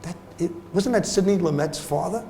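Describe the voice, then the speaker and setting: Animated, laughing male storyteller. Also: high voice, normal speed, a little hiss or hum. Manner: animated, laughing, many "you know" fillers. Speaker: actor giving a master class. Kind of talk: anecdotal storytelling interview. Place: festival venue hall. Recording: roomy hall, faint ambience.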